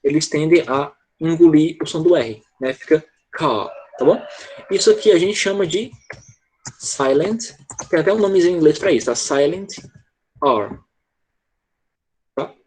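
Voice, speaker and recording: A man's voice: on the high side, fast, a little mellow, breathy edge. A man teaching English in an online class, explaining step by step and checking often that students follow. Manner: explanatory, with frequent "tá?" check-ins.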